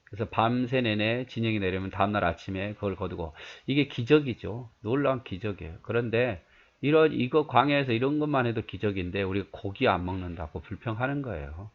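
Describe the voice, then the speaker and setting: Lo-fi, low-voiced man preaching. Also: fairly quick. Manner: conversational, rhetorical questions. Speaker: pastor. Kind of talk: sermon with scripture reading.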